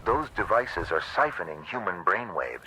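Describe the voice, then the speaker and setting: A man's voice: low-pitched, very animated, moderate pace, a little hiss or hum, full character voice, rough recording. An actor voicing an alien who poses as a friendly human man, giving mission orders in stiff, overly formal speech, heard as game audio. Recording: game audio with loud gunfire over it.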